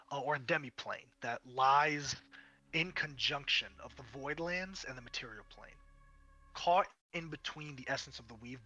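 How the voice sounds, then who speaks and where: Bright-voiced male game master narrating dramatically. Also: medium pitch, no room sound, lo-fi sound. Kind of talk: narrating a tabletop fantasy game.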